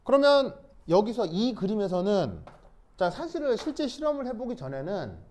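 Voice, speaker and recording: A male chemistry teacher lecturing to a class with a high, lively voice that swoops up and down. He talks casually and keeps asking his students whether they follow, now and then slipping in English words. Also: normal speed. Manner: checks understanding with repeated questions.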